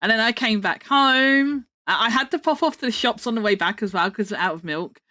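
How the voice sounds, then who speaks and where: Bright-voiced British woman streamer, cute and playful. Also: on the high side, lively intonation, brisk, no room sound, clean studio sound. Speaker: livestream host. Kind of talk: casual livestream chat.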